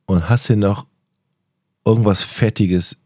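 A man's voice: lowish voice, fairly even intonation, unhurried, dark tone, no echo. A man co-hosting a podcast in casual chat, hesitant and full of restarts, with dry humor. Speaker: podcast co-host.

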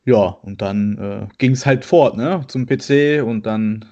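A man's voice: medium pitch, takes it slowly, dark tone, highs cut off. A man of thirty who co-hosts a casual podcast chat, hesitant and self-deprecating. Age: 30s. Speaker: podcast co-host.

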